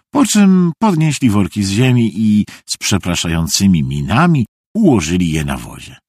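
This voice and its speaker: Husky, expressive male storyteller. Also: medium pitch, dry recording, studio quality. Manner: expressive storytelling, acts out the scenes. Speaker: narrator. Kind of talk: scripted audiobook narration.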